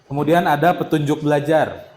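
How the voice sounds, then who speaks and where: A man's voice: on the high side, fairly even intonation, brisk, darkish tone. A young man teaching a primary school religion class in a classroom, drilling the pupils with call-and-response. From Indonesia. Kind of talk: classroom lesson. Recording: echoey classroom.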